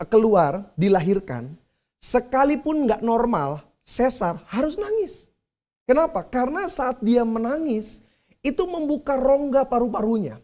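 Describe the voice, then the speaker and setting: Mellow-voiced male pastor preaching. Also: very high-pitched. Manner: conversational preaching, addresses the congregation directly. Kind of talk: sermon.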